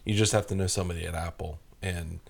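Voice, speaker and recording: A man's voice: low voice, fairly even intonation, fast, creaky, noisy background. A man hosting a podcast in a casual, easygoing way, steering the talk with questions, recorded in a cabin. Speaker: podcast host.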